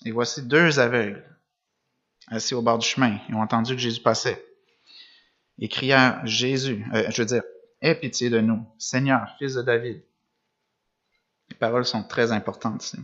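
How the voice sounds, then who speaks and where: A man's voice: medium pitch, fairly even intonation, normal speed, long pauses, a bit bright. A man preaching a sermon, reading gospel passages and explaining them with rhetorical questions. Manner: reads passages then comments, with restarts and rhetorical questions. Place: church or meeting room with a screen behind him. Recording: dull lo-fi sound.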